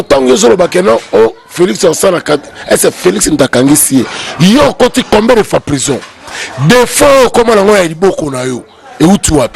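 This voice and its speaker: Gravelly Congolese man arguing politics. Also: high-pitched. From Congo (DRC). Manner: emphatic, repeats key phrases, voice climbs when arguing. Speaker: guest political commentator. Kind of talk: heated political debate.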